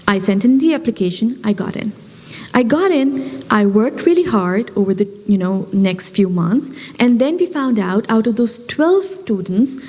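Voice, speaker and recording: A woman in her thirties from Pakistan with a Pakistani accent, a filmmaker guest telling stories in a lively interview, often saying "you know". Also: fairly high pitch. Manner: animated storytelling, frequent "you know". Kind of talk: conversational interview.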